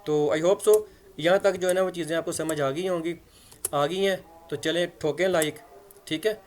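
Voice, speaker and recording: A man's voice: on the high side, fairly even intonation, normal speed. A man teaching English grammar in a conversational way, spelling words out letter by letter and often checking that listeners follow. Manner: conversational, checks understanding with repeated "theek hai". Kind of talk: explanatory lesson in Hindi-Urdu.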